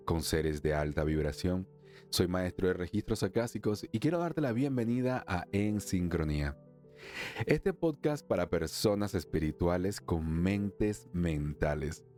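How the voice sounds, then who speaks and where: A man from Venezuela hosting a solo spiritual podcast, chatty, laughing often, slowing down for emphasis and then speeding up. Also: low voice, darkish tone. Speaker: podcast host, emotional wellness therapist.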